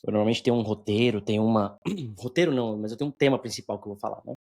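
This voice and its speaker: A man hosting his own channel, talking to the camera in a fast, energetic, somewhat anxious way, blunt and given to swearing, with a slightly hoarse voice that keeps clearing its throat. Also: on the low side. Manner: blunt, swears, frequent filler tags. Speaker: instructor, channel host. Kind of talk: casual solo vlog monologue.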